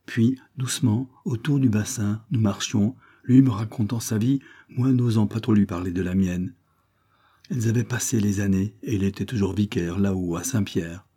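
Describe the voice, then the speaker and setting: A man reading a novel aloud as calm scripted narration. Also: on the low side, moderate pace, slightly rough. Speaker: audiobook reader.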